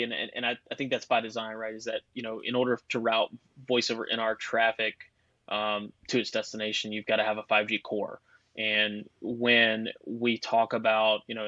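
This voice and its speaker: A man's voice: mid-range voice, pushed and bright, dry recording, dull audio. A man talking as a guest expert on a podcast, explaining technical details at length in a chatty, casual way.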